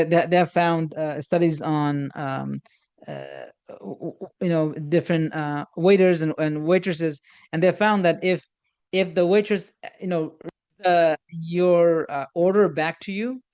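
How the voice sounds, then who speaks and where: A man with a slightly raised pitch teaches communication skills in a loose workshop style. He stumbles and restarts often, filling gaps with "um" and "you know." He acts out sample conversations and weaves in Islamic religious phrases. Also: a little mellow, clear, resonant tone, dull audio. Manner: halting, many repeated starts and fillers; uses Islamic religious phrases and Arabic quotes. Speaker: instructor on communication. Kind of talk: informal workshop lecture.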